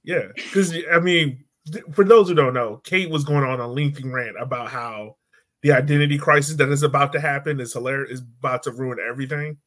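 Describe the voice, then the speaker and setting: A man in his thirties, with a mid-range, slightly bright voice and a fairly quick pace, hosts a casual sports podcast over a video call from a room at home. His manner is playful and teasing.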